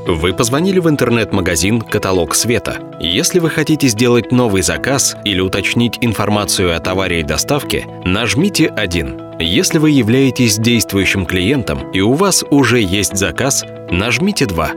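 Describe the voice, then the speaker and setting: A man's voice: fairly low pitch, very animated, moderate pace. A man reading recorded telephone greetings in a polite, formal announcer delivery. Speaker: voice-over artist. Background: background music.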